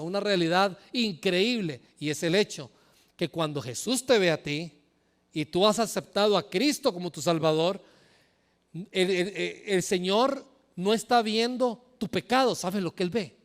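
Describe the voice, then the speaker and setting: High-voiced pastor preaching in a reverberant hall. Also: male voice. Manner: impassioned preaching, sudden loud emphatic rises. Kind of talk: sermon. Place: church hall.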